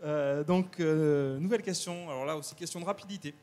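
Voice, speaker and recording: A man's voice: fairly high pitch, a little fast, darkish tone. A man hosting a live quiz in a university lecture hall, hesitant and joking, with many restarts. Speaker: quiz host of a web TV talk show.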